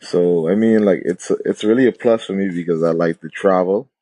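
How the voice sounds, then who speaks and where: Deep, laid-back man. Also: normal speed, warm tone, no echo. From the Bahamas. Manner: laid-back, lots of "you know" and "like". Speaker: wedding photographer, podcast guest. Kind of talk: casual interview chat.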